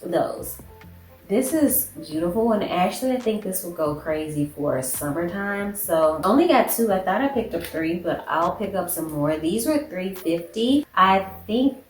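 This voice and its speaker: A woman's voice: fairly low pitch, lively intonation, normal speed, soft background music. A woman vlogger with a stuffy, congested nose, casually chatting through a shopping haul with lots of "like" fillers. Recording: echoey room with faint background noise.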